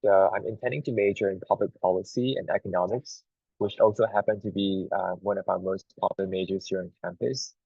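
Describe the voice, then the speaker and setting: A man's voice: deep voice, a little fast, creaky, breathy edge, no room sound. A man in his twenties from Singapore, a first-year student introducing himself casually on an online panel. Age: 20s. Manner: casual, relaxed, with filler words. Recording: dull lo-fi call audio.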